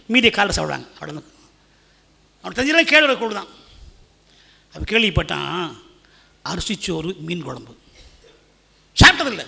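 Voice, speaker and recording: A male preacher with a Tamil accent delivers a dramatic sermon in a high, animated voice. His tone is very bright and has a gravelly rasp. He swings between loud pleading and hushed, quiet tones. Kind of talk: sermon with an acted-out story.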